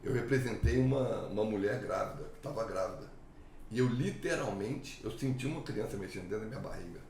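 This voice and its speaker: Low-voiced man telling a story. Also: fairly quick, gravelly, reverberant, a little hiss or hum. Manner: relaxed, plain-spoken, with fillers. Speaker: podcast guest. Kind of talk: casual storytelling.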